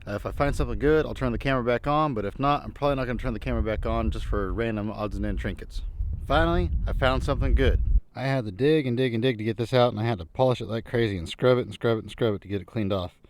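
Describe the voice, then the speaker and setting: A man's voice: mid-range voice, quick pace, a little hiss or hum, poor audio. A man narrating a casual outdoor treasure-hunting vlog in a folksy way, musing and thinking aloud as he goes. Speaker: vlogger narrating a treasure hunt. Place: outdoors in an old junkyard.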